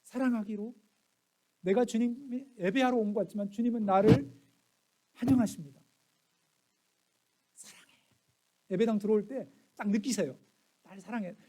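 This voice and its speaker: Preaching a sermon, a middle-aged pastor with a high-pitched voice speaks at a moderate pace and pauses often. He shares family stories, acting out the quoted lines and shifting between soft asides and loud exclamations.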